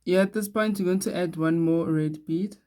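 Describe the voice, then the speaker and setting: A woman's voice: on the low side, moderate pace, dark tone. A woman hosting a casual beadwork tutorial, chatty and laughing at herself now and then. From Eswatini. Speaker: beading tutorial host.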